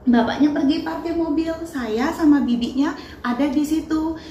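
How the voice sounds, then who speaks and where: A woman's voice: high-pitched, normal speed, mellow, echoey room, lo-fi sound, slight background noise. A woman gives reporters a first-person account of a painful event. She acts out the dialogue as she retells it. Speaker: bereaved parent speaking to reporters.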